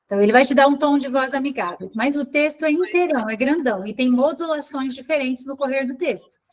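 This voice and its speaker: A woman leads a live online class as a mentor. Her voice sits a little high, and her talk is informal and thought out loud, with frequent self-corrections. It comes through a video call. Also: fast talker, low-quality recording. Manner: informal, thinks aloud, corrects herself.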